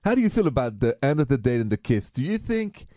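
A man's voice: medium pitch, sing-song, fast, mellow, no room sound, clean studio sound. A man with a French accent chatting casually as a radio co-host, romantic and earnest in manner.

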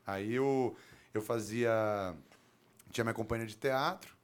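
A man's voice: lowish voice, unhurried, clear, resonant tone. A man with a Brazilian accent chatting casually as a talk show guest, telling stories in a joking, self-deprecating way. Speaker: talk show guest, actor and football commentator. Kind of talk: casual chat.

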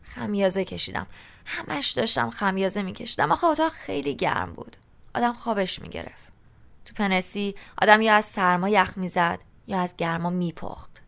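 Woman narrating a novel in smooth voice. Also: medium pitch, a bit bright. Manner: conversational, storytelling delivery. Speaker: audiobook narrator. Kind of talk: first-person novel narration, colloquial.

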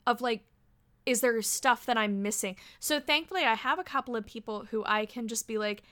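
Bright, animated woman in her thirties. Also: on the high side, a little fast. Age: 30s. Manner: animated, laughs often, swears freely. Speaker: podcast guest. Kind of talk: casual chat.

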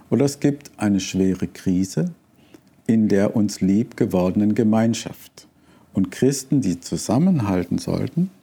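A male preacher gives a calm, reflective sermon and reads a story aloud. His voice is low, very dark and mellow, and husky, and he speaks slowly.

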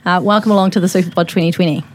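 A woman's voice: lowish voice, fairly even intonation, racing. Informal New Zealand woman hosting a podcast. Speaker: podcast host and manager. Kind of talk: casual studio panel hosting.

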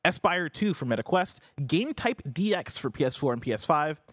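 A man's voice: a little high, big pitch swings, moderate pace, fairly bright tone, no room sound. Enthusiastic male host, dry close sound. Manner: enthusiastic, sweary. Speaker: show host. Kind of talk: casual chat and news reading.

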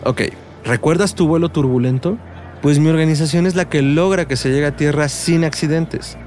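A man's voice: fairly high pitch, normal speed, darkish tone, faint music behind, lightly acted. A man acting in an audio drama as an intense, solemn passenger who fears flying. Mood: confiding. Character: intense, solemn man, terrified flyer with secret talent.

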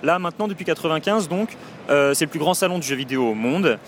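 A man's voice: a little high, expressive, fast talker, a little hiss or hum. A man hosting a live podcast episode from a trade show, chatty and friendly, with frequent fillers. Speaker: podcast host. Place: video game trade show.

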